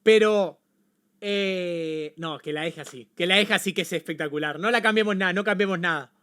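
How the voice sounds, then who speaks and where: A man with an Argentine accent reacting on a casual livestream, excitable and swearing, often repeating himself. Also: high-pitched, moderate pace, clear, resonant tone. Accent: Argentine Spanish. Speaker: streamer.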